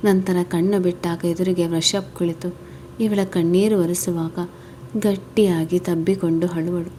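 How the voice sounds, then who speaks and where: A woman storyteller narrating a scripted family story in a steady, plain manner. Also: lowish voice, measured pace, slight background noise.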